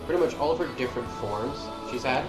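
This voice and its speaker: Fast and expressive, his mid-range voice runs casual commentary across game cutscenes as a gaming video host. He wanders from point to point with some mild swearing, while game music plays in a room with noticeable echo.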